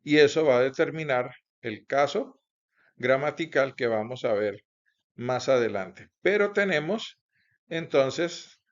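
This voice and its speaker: Slow, careful male teacher. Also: medium pitch. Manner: slow, careful explaining with frequent "pues" and "entonces". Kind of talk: recorded grammar lesson. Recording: dull lo-fi recording.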